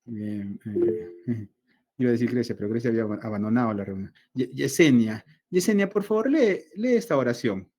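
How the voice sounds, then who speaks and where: A man's voice: medium pitch, lively intonation, darkish tone, husky. Male teacher lecturing on a video call. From Latin America. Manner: explains slowly, asks himself students' questions. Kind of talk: online class lecture.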